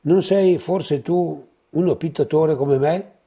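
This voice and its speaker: A man's voice: fairly high pitch, slow, warm tone, pitched above the performer's own voice. A man voicing a sly young male painter who talks in raised, exclaiming phrases.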